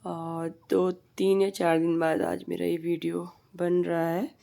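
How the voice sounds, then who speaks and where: Her throat sore and her voice husky and heavy, a family vlogger in her 30s rambles chattily through a casual voice-over that was recorded apart from the footage. She talks slowly in a fairly low, dark, mellow tone, completely flat, and she often repeats herself.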